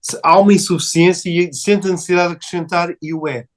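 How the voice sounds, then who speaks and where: A man's voice: high-pitched, fairly even intonation, a little fast. Discursive Portuguese male interviewer. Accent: European Portuguese. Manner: discursive, philosophical, thinking aloud. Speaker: host interviewer. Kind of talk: interview conversation.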